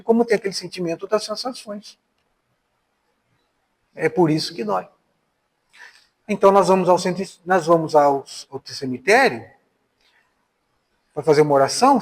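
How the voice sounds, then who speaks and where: High-voiced Brazilian man lecturing in a reverberant hall. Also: husky. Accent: Brazilian Portuguese. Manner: conversational, asks the audience rhetorical questions. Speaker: spiritist speaker. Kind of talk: spiritist lecture with personal stories. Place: spiritist center hall.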